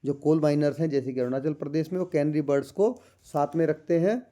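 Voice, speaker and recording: Bright-voiced man tutoring children. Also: on the high side. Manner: reads English lines slowly, explains in Hindi addressing children. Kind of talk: textbook lesson explanation.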